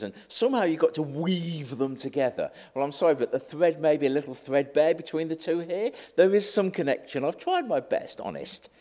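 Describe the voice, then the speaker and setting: A middle-aged man preaches in a chatty, self-deprecating way, with a slightly nervous edge. His voice sits a touch high for a man and swings widely in pitch. He keeps the sermon light and conversational. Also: a little mellow. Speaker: lay preacher.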